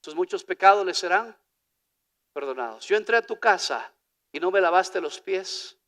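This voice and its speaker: High, bright-voiced Ecuadorian preacher man. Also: lively intonation, moderate pace. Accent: Ecuadorian Spanish. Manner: preaching with swings from hushed to loud, calling listeners "hermano". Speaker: pastor. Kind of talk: sermon. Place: church. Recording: church hall reverb.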